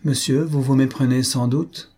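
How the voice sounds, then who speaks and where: A man's voice: medium pitch, fairly even intonation, moderate pace, a little mellow, husky, voice pushed up, natural voice. A man voicing a dignified young woman who speaks in a firm, restrained manner.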